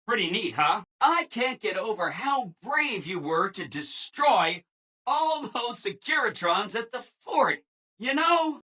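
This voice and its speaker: A man's voice: high-pitched, bright, forceful tone, slightly rough, full character voice. A man voicing a relentlessly cheerful, eager-to-please robot assistant in a video game, chipper and exaggeratedly polite. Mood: excited cheer, then upbeat. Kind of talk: video game character acting.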